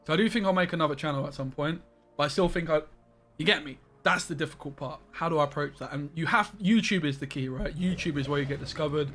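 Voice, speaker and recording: A young man live-streams a game from his bedroom, chatting casually with viewers, rambling, and greeting people by name. His voice is a little high and a bit bright, and he talks fast.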